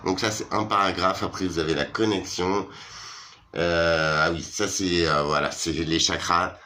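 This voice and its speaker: A man's voice: deep voice, fairly even intonation, moderate pace, bright, forceful tone. A tired man chatting casually to his followers in a vlog, hesitant and full of fillers, slangy and familiar. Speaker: vlogger.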